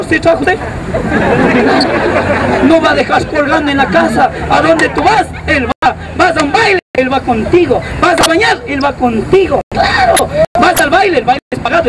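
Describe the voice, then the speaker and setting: A man's voice: extremely high pitch, big pitch swings, normal speed. A man with an Ecuadorian accent doing a crude, rowdy street comedy routine outdoors, calling his audience "brother". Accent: Ecuadorian Spanish. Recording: distant mic, loud crowd and street noise.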